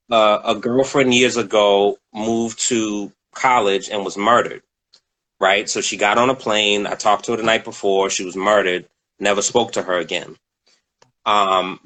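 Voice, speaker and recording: A man's voice: on the low side, fairly bright tone, rough recording. A man co-hosting a relationship podcast, talking candidly in a rambling way with frequent restarts. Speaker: podcast co-host. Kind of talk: casual podcast conversation.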